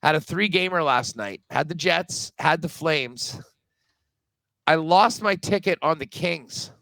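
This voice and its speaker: Brief: male betting co-host heard over a video call, dry sound, bright tone, rambling casual delivery. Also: fairly high pitch, a little slow, creaky, no room sound. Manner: chatty, loose, with frequent um and uh. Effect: remote guest on a video call. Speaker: sports betting podcast co-host. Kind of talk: casual sports betting chat.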